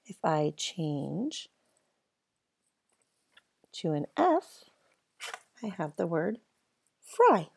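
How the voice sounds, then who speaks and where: A woman's voice: deep voice, big pitch swings, vocal fry, a little mellow. A woman teaching a phonics lesson to first graders, stretching out each sound and cheering the children on. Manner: slow, exaggerated sounding-out of letters and words; cheerful, encouraging teacher talk.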